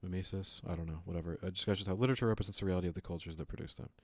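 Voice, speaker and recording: Low-voiced joking streamer man. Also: very fast, a little mellow, no echo. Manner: joking asides, talks to chat. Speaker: streamer reacting to a lecture. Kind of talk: casual reaction commentary.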